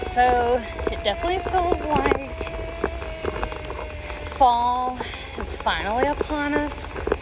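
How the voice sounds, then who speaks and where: Slow-talking woman musing on an outdoor walk. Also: sits high. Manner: musing aloud while walking. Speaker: podcast host and mother. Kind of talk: casual unscripted podcast monologue. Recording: outdoor walking recording, loud ambient noise. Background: crunching dry leaves underfoot, outdoor noise.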